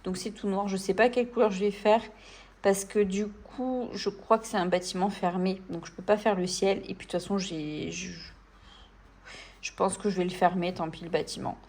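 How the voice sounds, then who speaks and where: A woman from France talks easily to her audience while she works on a coloring page at home. Her delivery is relaxed and rambling, with plenty of fillers and soft asides to herself. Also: mid-range voice, normal speed. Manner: chatty, relaxed, many fillers and soft self-talk. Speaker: coloring channel host. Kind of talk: casual chat while coloring.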